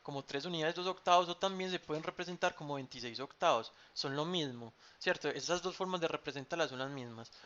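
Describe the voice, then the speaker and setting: Male math teacher, bright voice, dull lo-fi mic, patient and repetitive. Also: on the high side, quick pace, hardly any pauses. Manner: patient, repeats key terms with frequent ¿cierto?. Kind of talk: online math class. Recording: dull lo-fi sound.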